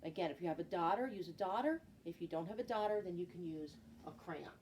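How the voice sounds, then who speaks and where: Mellow woman teaching little kids like a show host. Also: lowish voice, animated, fast. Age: middle-aged. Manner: simple guiding questions to young children, repeating key words. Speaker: teacher of young children. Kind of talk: children's counting lesson, like a kids show host. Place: living room at home. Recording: clear background room noise, home recording.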